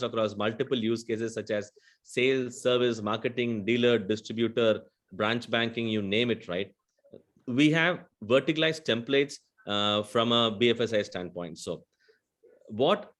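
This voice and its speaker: A man's voice: medium pitch, fairly bright tone. A man with a South Indian accent, explaining things earnestly in a webinar panel discussion and checking in with "right?" often. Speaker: conversational AI vendor executive.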